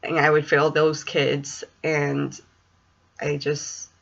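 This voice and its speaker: A woman's voice: low voice, completely flat delivery, takes it slowly, vocal fry, dull audio. A woman in her twenties who says w for r, chatting hesitantly in a casual, rambling vlog at home. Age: 20s. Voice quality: speech impediment, says w for r. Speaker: student teacher in special education. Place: small home room, indoors. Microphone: webcam or computer mic at desk distance.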